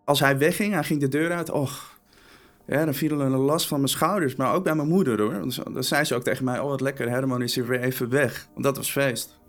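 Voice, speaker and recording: A man's voice: a little high, a little fast, soft background music. A young man interviewed for a documentary, talking hesitantly and often repeating words as he speaks of his father. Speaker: interviewee, son.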